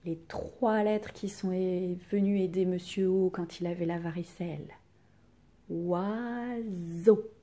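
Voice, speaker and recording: A woman teacher giving a slow, patient reading lesson to young children, sounding out syllables and asking the class questions. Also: lowish voice, level tone, warm tone. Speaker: primary school teacher.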